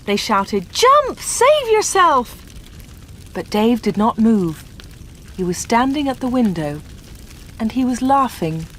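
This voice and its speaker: A woman's voice: mid-range voice, slight background noise. Woman reading a story aloud. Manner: clear, steady storytelling. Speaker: audiobook reader.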